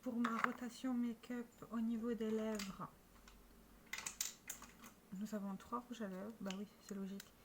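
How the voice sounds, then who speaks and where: A woman's voice: fairly high pitch, level tone, a little slow, pauses often, noisy background. A French-speaking woman talking casually to camera about her makeup, chatty and showing each product with small restarts. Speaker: beauty vlogger.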